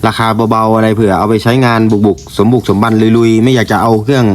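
A man's voice: lowish voice, level tone, fast. A man giving a polite, informal product presentation as a shop presenter, explaining and repeating his points. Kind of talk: informal product review to camera. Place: indoor room used for recording videos. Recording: clear background noise in room.

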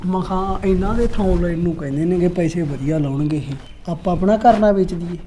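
A woman with an Indian Punjabi accent playing a boastful, scheming middle-aged village husband who bickers with rapid comebacks. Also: on the low side, warm tone, slight background noise, natural voice. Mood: irritated. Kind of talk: comedy skit acting.

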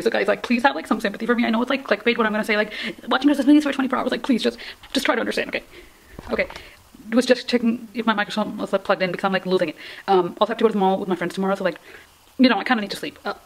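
A young woman talks at a quick clip in a slightly low voice, as if filming a casual vlog at home. She rambles in a self-deprecating way, with a melodramatic, pleading streak. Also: poor audio. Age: young adult. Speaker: vlogger. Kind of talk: casual chatty challenge vlog. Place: indoors in a room at home.

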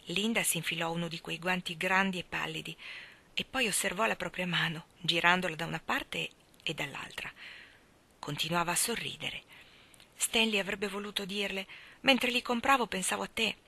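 Bright-voiced woman reading a story aloud. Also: on the low side, vocal fry, husky. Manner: measured, expressive, often dropping to a whisper. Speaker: narrator.

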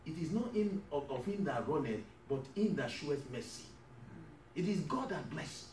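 A man pastor preaching a sermon, calling out to the congregation and building to shouts. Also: on the high side, expressive, normal speed, a little hiss or hum. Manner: call-and-response preaching, rising to shouts. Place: church hall. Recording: echoey hall, mic far off.

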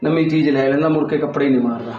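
Voicing a relaxed, teasing husband in a short film, a man plays him a little high-pitched and joking. The sound is roomy and lo-fi, with clear background noise. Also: racing, close to an everyday voice. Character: easygoing husband, teasing his wife. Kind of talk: Punjabi short film acting. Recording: roomy, dull, noisy.

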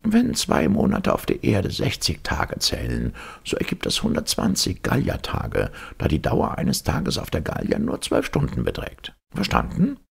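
A man with a gravelly, husky voice voicing a strict, pedantic male professor who lectures in a dry tone. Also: sits low, wildly swooping pitch, a little slow, hardly any pauses, full character voice.

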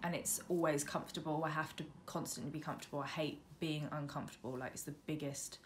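Low-pitched and steady, with a quick pace, a British woman in her mid-twenties talks casually to camera as a vlogger, poking fun at herself informally. She records indoors at a bedroom window that faces a busy road, using a camera on the windowsill about arm's length away. Passing traffic makes the room noisy.

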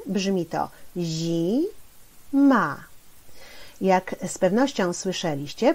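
A woman teacher giving a slow, deliberate spelling lesson for children, spelling out syllables and pausing with hesitation fillers. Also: on the low side, darkish tone.

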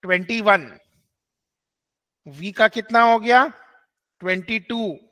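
A man teaching an online class, switching between Hindi and English and repeating key rules slowly for students to note down. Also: sits high, sharp tone.

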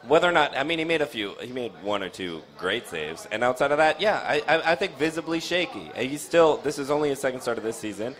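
Animated young man hosting soccer talk. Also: fast talker, hardly any pauses. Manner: animated, restarts often, jumps in pitch. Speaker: soccer show host. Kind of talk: casual post-game chat. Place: dim bar. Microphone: studio mic on stand with foam cover, headphones.

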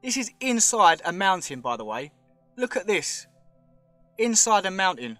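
His voice sits high, very animated, bright and forceful, yet unhurried, with no room sound and soft music in the background. The man is a vlogger exploring a show cave handheld, rambling chattily, speculating and pointing things out.

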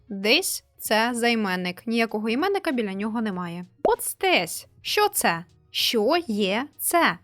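Woman, language-teacher host, slow deliberate delivery over faint music. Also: on the high side. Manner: slow, careful pronunciation drills. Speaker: English teacher, channel host. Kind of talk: scripted language lesson.

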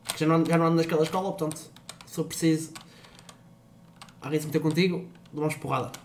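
A man's voice: on the high side, steady tone, fast, a little mellow, a little hiss or hum. A young man with a European Portuguese accent, streaming a game in casual chat, swearing a lot, teasing and loose.

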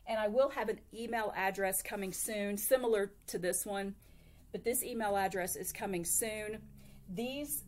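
An older woman giving a friendly, informal school announcement to a laptop camera in a small office, with fillers and restarts. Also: mid-range voice. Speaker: school district administrator. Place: small office in front of a whiteboard. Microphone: laptop webcam at close range.

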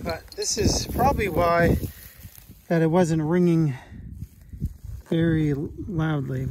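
A man giving upbeat running commentary to viewers while he digs outdoors in a rural field. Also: fairly high pitch. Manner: chatty, upbeat, talks to viewers while working. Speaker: metal detecting vlogger. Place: outdoors in a rural field by an old cellar hole. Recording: loud wind noise outdoors.

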